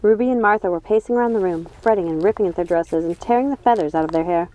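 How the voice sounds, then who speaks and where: An audiobook reader with a lowish, mellow voice reads a storybook in scripted narration at a quick pace. There's no room sound, but the recording is dull and lo-fi, with music running underneath.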